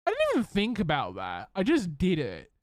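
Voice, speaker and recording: A man's voice: high voice, wildly swooping pitch, normal speed, no room sound, clean studio sound. A man giving casual live-stream commentary while playing a game, chatty and upbeat, talking to his chat and to the characters.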